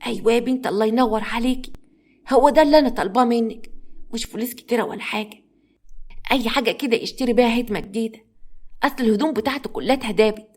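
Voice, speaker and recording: A humble old grandmother from an Egyptian storybook tale, played by a woman narrator, gentle and soft-spoken. She pleads patiently, her words tumbling out quickly. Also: on the high side, lightly acted. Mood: pleading.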